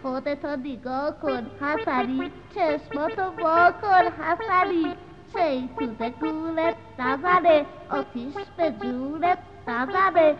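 A busy, proud hen clucks and sings her lesson in a storybook, as a woman voices her. Her high voice has a dull, muffled quality, with music clearly behind. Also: natural voice. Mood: clucking, bossy. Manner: clucking, sing-song. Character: bustling motherly hen, proud homemaker.

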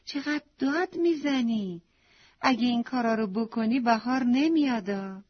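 A woman's voice: a little high, husky, dull audio, voice pushed up. A woman doing a fussy scolding dragonfly. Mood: annoyed. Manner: complaining, scolding.

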